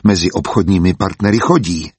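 A man voicing a jovial young ironworks owner who smoothly blackmails a rival. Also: low-pitched, darkish tone, no room sound. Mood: sly.

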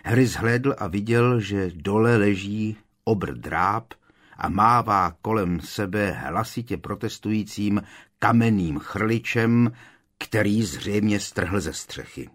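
Male audiobook narrator, low voice, measured. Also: a bit bright. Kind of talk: scripted narration.

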